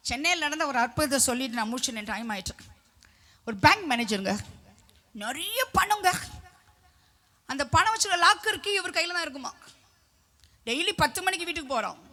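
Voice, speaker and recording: Middle-aged woman preacher, impassioned testimony, bright forceful tone, pitched a little high. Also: lively intonation, brisk, pauses often. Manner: fervent, swelling to loud emphatic declarations; breaks into sung hymn lines.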